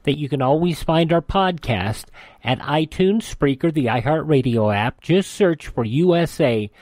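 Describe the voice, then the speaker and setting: On a classic radio program, a male host reads ads and station notes live in a folksy, chatty manner. His fairly high, darkish-toned voice is expressive and measured in pace, with no room sound.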